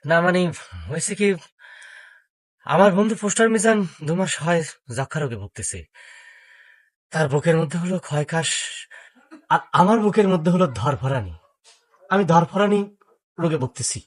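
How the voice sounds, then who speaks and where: A bashful lovesick village suitor. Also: male voice, on the high side, expressive, moderate pace, pauses often, dry recording, studio quality. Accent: Bangladeshi Bengali. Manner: rambling, hesitant, flowery confessions. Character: bashful lovesick village man, shy and rambling. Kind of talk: television drama acting.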